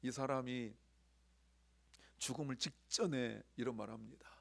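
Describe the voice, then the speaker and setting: Gravelly Korean-speaking male pastor preaching. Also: mid-range voice, normal speed. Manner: animated preaching, swinging from loud emphasis to near whispers. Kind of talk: sermon. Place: church sanctuary.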